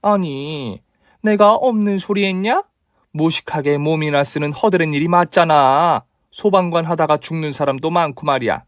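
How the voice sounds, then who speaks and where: A man's voice: fairly high pitch, moderate pace, no echo, clean studio sound, close to an everyday voice. A man voicing a snobbish, bossy older mother-in-law who talks down to everyone in a dramatized story reading. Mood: scornful. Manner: scolding, contemptuous.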